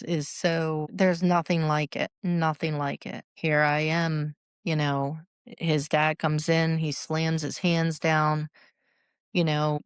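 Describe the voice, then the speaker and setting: A middle-aged woman, a podcast guest, telling a painful personal story in a halting way, restarting and repeating phrases. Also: low voice, smooth, no room sound, clean studio sound.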